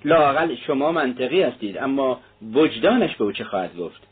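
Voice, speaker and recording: A man reading the part of a shrewd middle-aged male magistrate who questions in a measured, probing way. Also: medium pitch, expressive, slightly rough. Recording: tinny narrow-band audio.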